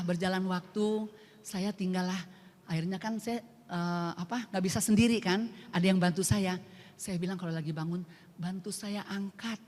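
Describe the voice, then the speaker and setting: An older woman sharing a personal faith testimony at a church prayer group, earnest and emotional, moving between soft and emphatic speech. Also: fairly low pitch. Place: church hall. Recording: echoey hall with long reverb.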